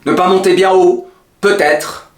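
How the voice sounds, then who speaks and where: A proud male poet-swordsman, declaims scornful verse in grand, hammy theatrical style. His delivery is slow and deliberate, with big swings in force. The room rings with echo around him. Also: high-pitched, steady tone. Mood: proud, resolute. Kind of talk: theatrical French verse monologue. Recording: echoey, roomy sound.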